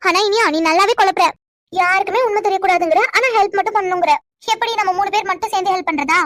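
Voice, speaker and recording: A woman voices a bossy young woman in a cartoon who lectures and scolds her friend. The voice is extremely high and rattles along at top speed, and it sounds dry and close. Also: quick pace, a bit bright, dry recording. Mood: skeptical. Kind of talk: animated cartoon dialogue.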